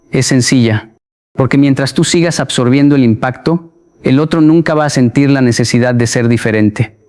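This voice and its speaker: Smooth-voiced man narrating motivational talk. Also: mid-range voice, darkish tone. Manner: measured, emphatic delivery in short, punchy phrases.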